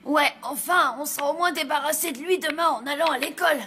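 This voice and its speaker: An actress voicing an irritated young zombie schoolboy in a cartoon, childlike and exasperated. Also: female voice, high voice, fast talker, slight background noise. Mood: annoyed. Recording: loud music over the voice.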